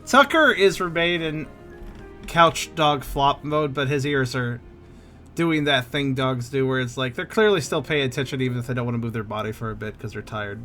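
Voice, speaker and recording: A man's voice: mid-range voice, normal speed, sharp tone, soft background music. A man chatting casually as a player in a tabletop role-playing game, describing what his character does.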